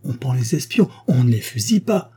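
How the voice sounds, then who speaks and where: A man voicing a captured spy who argues gravely about death and then begs for his life, with a warm, husky voice. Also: medium pitch, normal speed. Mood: pleading. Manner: grave reasoning, then frantic pleading. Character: captured male spy, philosophical then desperate.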